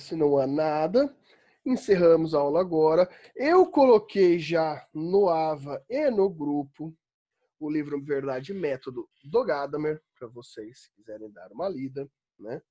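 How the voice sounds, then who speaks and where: A slightly high, warm voice with lively intonation and a measured pace belongs to a law school philosophy professor from São Paulo teaching online at home in quarantine. In his Paulista accent he talks chattily and emphatically, often asking "né?", sometimes rising to exasperated rants.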